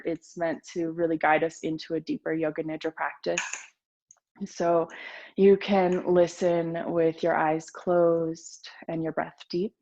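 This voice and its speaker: A woman yoga teacher guiding a meditation in a gentle, soothing voice with pauses. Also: on the low side, lo-fi sound, slight background noise. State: a little nervous. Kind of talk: guided meditation talk.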